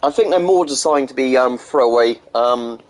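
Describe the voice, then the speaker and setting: A man with a mid-range voice talks at a moderate pace while streaming a video game, chatting casually with viewers. He sounds slightly hoarse and congested, rambles between gameplay remarks and chat answers, and hesitates a lot with ums and restarts.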